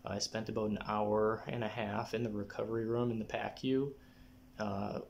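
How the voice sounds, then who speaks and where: A young adult man talking casually to camera in a personal update, often clearing his throat. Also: on the low side, level tone, moderate pace, darkish tone, highs cut off, a little hiss or hum. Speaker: vlogger giving a personal health update. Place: small living room, indoors. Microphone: phone or camera at arm's length.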